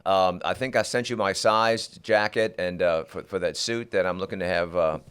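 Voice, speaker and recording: A man's voice: low voice, normal speed, fairly bright tone, smooth. A man hosting a talk show, chatting with his guests in an upbeat, playful way. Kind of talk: casual interview chat.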